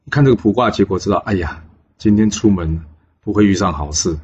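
Man telling an old legend, chatty w lots of fillers, low voice, faint hiss. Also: darkish tone, lo-fi sound. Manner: chatty, with many pauses on fillers. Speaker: storyteller. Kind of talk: casual retelling of a classic legend.

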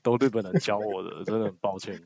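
A man's voice: on the low side, steady tone, fast talker, creaky, darkish tone, lo-fi sound. A man with a Taiwanese accent chatting casually and teasingly as a podcast co-host. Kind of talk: casual chat.

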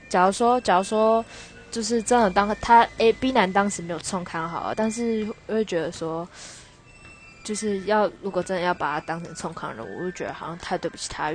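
A young woman hosts a podcast, telling a personal story in a rambling, hesitant way that keeps correcting itself. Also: medium pitch. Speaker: podcast host.

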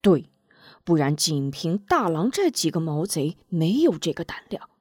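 A woman voicing an impulsive young woman who breaks in with loud, eager interjections. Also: deep voice, sing-song, a little slow, slightly rough, no room sound, clean studio sound, pitched below the performer's own voice, full character voice. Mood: eager, urgent.

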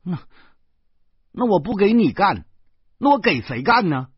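Male reader playing a headstrong housekeeper woman, high and loud, husky, storybook comedy, lo-fi audio. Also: very animated, a little slow, no echo, full character voice. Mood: puzzled. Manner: insistent, pushy, shrill. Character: stubborn middle-aged woman seeking a maid job. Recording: muffled lo-fi recording.

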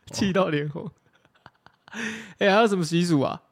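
A man's voice: sits high, unhurried. A man with a Taiwanese Mandarin accent, co-hosting a casual podcast chat, joking and teasing and laughing often. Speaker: podcast co-host.

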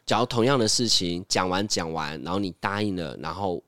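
A man co-hosting a casual podcast chat, animated and quick to make his point. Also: sits low, dry recording, studio quality. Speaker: podcast co-host.

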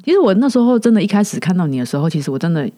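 A woman's voice: lowish voice, big pitch swings, rapid-fire, mellow, dry recording. Taiwanese-accented female podcast host, chatty and admiring, dry close-miked sound. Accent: Taiwanese Mandarin. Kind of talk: casual interview chat.

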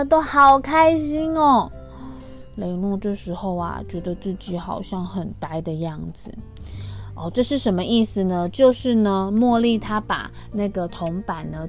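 A woman reads a picture book aloud as if to a toddler, talking to the little listeners with gentle questions. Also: medium pitch. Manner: reading as if to a toddler, gentle questions and soft sentence particles. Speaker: storyteller for children. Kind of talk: animated picture-book reading to small children.

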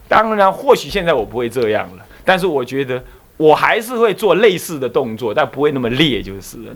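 Male Buddhist abbot, dharma talk, emphatic storyteller, animated pitch. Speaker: Buddhist monk and temple abbot. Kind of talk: dharma lecture with anecdotes.

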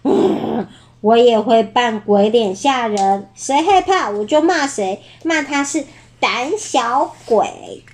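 A woman reading a storybook aloud, voicing a boastful little boy who acts fearless and shouts his boasts. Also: medium pitch, lively intonation, slow. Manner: loud, swaggering boasts.

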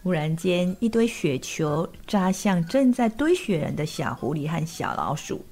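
A woman telling a children's story and speaking gently to young listeners as their teacher. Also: on the low side, expressive, unhurried, a little hiss or hum. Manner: gentle, coaxing, speaks to kids.

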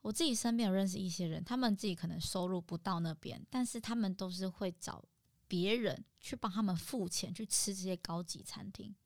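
A young woman co-hosting a chat, telling stories with lively energy. She often slips into coy, drawn-out impressions of the people she describes. The sound is close and dry, with no room around it. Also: mid-range voice, gravelly, no echo. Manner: animated, acts out quoted voices in a coy sing-song. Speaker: podcast co-host. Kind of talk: casual storytelling chat.

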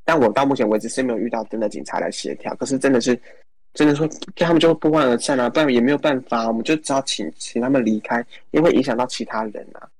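A man with a Taiwanese accent chatting casually as a care worker, telling colloquial anecdotes in an animated way. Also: mid-range voice, quick pace, no echo. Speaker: care facility worker telling work stories.

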